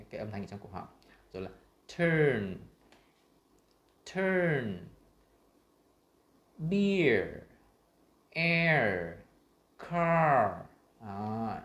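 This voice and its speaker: A man with a Vietnamese accent teaching English pronunciation, saying sample words slowly and loudly between his explanations. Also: on the low side, echoey room. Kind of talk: screen-share lesson.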